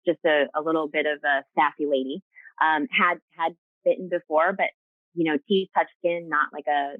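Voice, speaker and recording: A woman's voice: sits low, dry recording. A woman guest on a video call, talking earnestly with many fillers and restarts. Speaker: guest, rescue co-founder. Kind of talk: casual video-call interview. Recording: tinny phone-like call audio.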